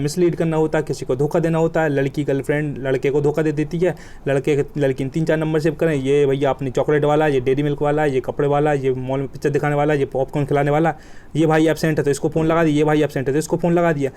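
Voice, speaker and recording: Fast-talking vocabulary teacher, man. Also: a little high, dark tone. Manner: colloquial, joking, emphatic with vivid examples. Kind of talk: exam coaching lesson.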